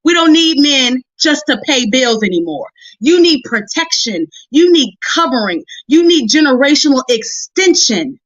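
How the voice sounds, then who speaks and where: A guest preacher and motivational Bible teacher delivers a sermon on a live stream, talking straight to women in a folksy, conversational, emphatic style and repeating phrases for effect. Her voice is high-pitched, fairly bright and very animated, unhurried with few pauses, on a muffled recording with no room sound.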